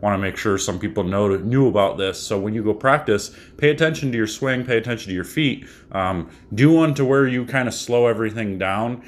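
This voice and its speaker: With a fairly low pitch, a bowling coach in his thirties speaks briskly and with few pauses. He's giving a casual tip to camera from a small room at home, rambling easily with fillers and restarts.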